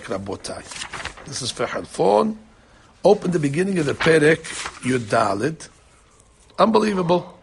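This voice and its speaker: Gravelly man teaching a Talmud class. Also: fairly high pitch, a little hiss or hum. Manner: animated, repeats words, acts out quoted people. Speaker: Torah teacher.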